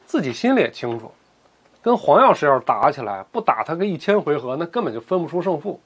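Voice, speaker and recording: A man narrating a martial-arts story in a lively, colloquial, joking way. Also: a little high, fast talker, husky.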